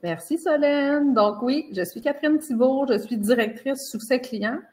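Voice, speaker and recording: A woman's voice: high-pitched, animated, a little slow, a little mellow. A woman, a customer success director, introducing herself on a webinar with frequent fillers. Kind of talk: webinar presentation.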